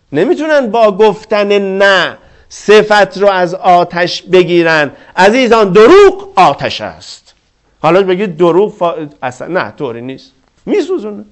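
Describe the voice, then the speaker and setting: A man preaching a religious sermon, asking rhetorical questions and quoting scripture with fervor. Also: high voice.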